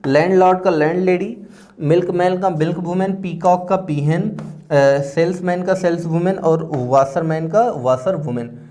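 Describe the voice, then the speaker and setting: Male tutor, high-pitched, patient explainer in an exam-prep class. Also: unhurried, dark tone. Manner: explains patiently, often checks with "theek hai". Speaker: teacher. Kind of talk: exam-prep grammar lesson.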